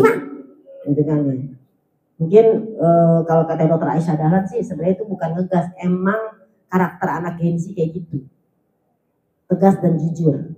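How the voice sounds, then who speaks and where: A woman's voice: lowish voice, mellow, dull audio, a little hiss or hum. A woman religious teacher gives a casual, joking sermon to women in a mosque hall and acts out the voices of the people she quotes. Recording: echoey hall.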